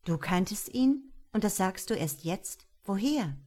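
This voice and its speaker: A woman's voice: medium pitch, animated, unhurried, warm tone. A woman reading an earnest female detective. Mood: probing.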